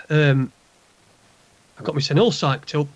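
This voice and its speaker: A man with a Northern English accent and a gruff, unwell-sounding voice, chatting bluntly and sweary over an internet call. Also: a little high, takes it slowly, lo-fi sound. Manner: heavy swearing, blunt, aggrieved. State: unwell, recovering from a hospital procedure. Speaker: guest calling in. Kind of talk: casual chat, venting.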